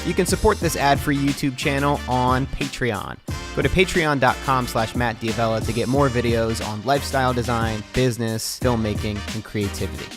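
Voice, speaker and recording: Calm, measured male vlog narrator. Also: medium pitch, over music. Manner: calm, measured, even-toned. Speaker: vlogger and podcaster. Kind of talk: scripted voice-over narration.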